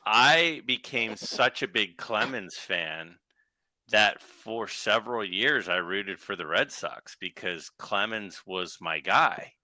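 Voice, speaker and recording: A man chatting casually as a podcast guest, telling long rambling stories with quick asides. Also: lowish voice, expressive, pushed and bright, no room sound. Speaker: guest collector.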